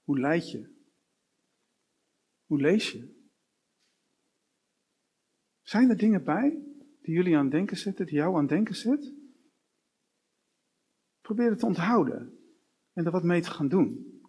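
A man's voice: a little high, expressive, dark tone, breathy edge. A man preaching a sermon, working through long runs of short rhetorical questions. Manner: slow, with repeated rhetorical questions.

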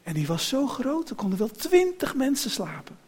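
A man reading a children's story aloud in an expressive storytelling manner. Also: extremely high pitch, moderate pace, husky.

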